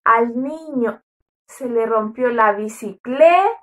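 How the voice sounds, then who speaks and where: A woman teaching a kindergarten phonics lesson, enunciating each syllable slowly and praising the children cheerfully. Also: fairly high pitch, a bit bright. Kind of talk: slow, drawn-out phonics lesson for young children.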